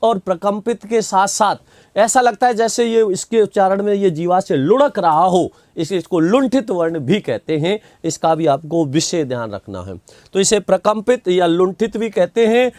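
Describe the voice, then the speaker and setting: A man teaches an online grammar class in a fairly high voice. He asks questions and answers them himself, and he repeats key terms and reads out viewer comments as he goes. The sound is dry and close. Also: expressive, normal speed, darkish tone, no room sound.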